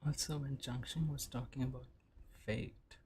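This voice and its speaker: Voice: mid-range voice, fairly even intonation, normal speed, a little mellow, a little hiss or hum. A game streamer reacting casually to a story scene in short, muttered remarks. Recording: game music behind.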